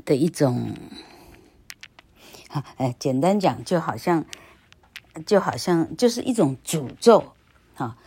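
A woman's voice: low voice, dark tone, husky, no echo. A middle-aged woman teaching English grammar on her podcast in a casual, rambling way, tagging her sentences with "ha". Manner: rambling, chatty, tags sentences with "ha".

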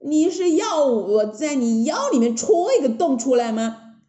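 A woman voicing a boastful, playful male monkey king in a told story, loud and teasing. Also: high-pitched, big pitch swings, unhurried, reverberant, pitched above the performer's own voice. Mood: bossy.

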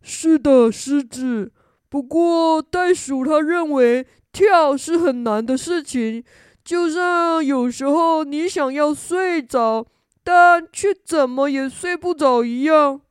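Woman voicing a calm, kindly elephant. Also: high voice, takes it slowly, dry recording, studio quality. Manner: calm, reassuring.

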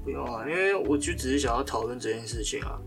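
A man's voice: medium pitch, expressive, fast talker, gravelly, music in the background. Easygoing man in podcast chat. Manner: easygoing, playful. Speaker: podcast co-host. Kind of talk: casual chat.

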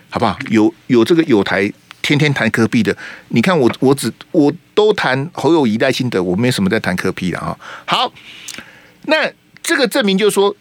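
A man with a Taiwanese Mandarin accent and a mid-range voice hosts a political talk radio show, heated and emphatic, hurling rhetorical questions at his audience. The recording has no echo.

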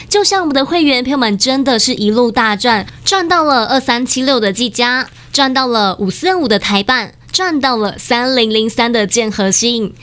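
High-pitched Taiwanese infomercial pitchwoman. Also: a bit bright. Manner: gushing, emphatic, repetitive salesmanship. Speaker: TV show host and pitchwoman.

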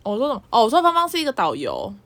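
Fast-talking teasing young woman. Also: fairly high pitch, wildly swooping pitch, fairly bright tone. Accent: Taiwanese Mandarin. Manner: quick, teasing, laughs often. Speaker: podcast co-host. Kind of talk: casual chat. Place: indoors, on a bed.

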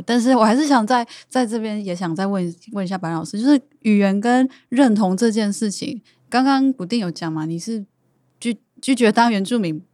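A woman's voice: mid-range voice, darkish tone, dry recording, studio quality. A woman hosting a panel, asking questions politely and curiously with hesitant restarts. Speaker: host. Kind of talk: interview questions.

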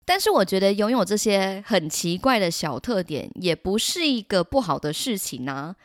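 A young woman tells a story on her podcast. Her voice is animated, and her pitch swings widely. She is recorded close and dry on a podcast mic. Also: moderate pace, no echo. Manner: animated, laughing often. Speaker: podcast host. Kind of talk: casual storytelling.

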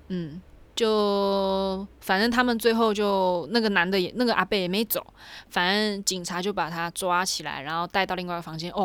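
A young woman casually telling a personal story, animated and chatty with lots of fillers. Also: medium pitch, no echo. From Taiwan.

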